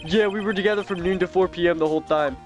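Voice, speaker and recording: A man voicing a laid-back male TV director with a slow, drawling slacker manner. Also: sits high, soft background music, voice pushed up, lightly acted.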